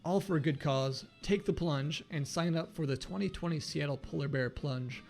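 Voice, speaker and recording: A man's voice: on the high side, moderate pace, gravelly, a little mellow. A man presenting a scripted local show as host, in an upbeat address to viewers. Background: music.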